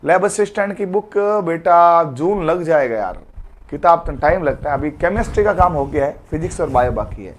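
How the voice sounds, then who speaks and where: A man teaching a live online exam-prep class in a chatty way. He calls his students "beta" and uses jokey memory tricks. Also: a little high.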